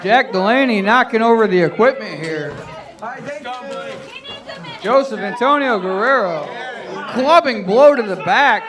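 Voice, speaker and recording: A man working as a wrestling commentator, calling the action play-by-play in an excitable voice that often rises to a shout. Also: high voice, unhurried, pauses often. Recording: arena crowd noise behind the voice. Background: live wrestling crowd.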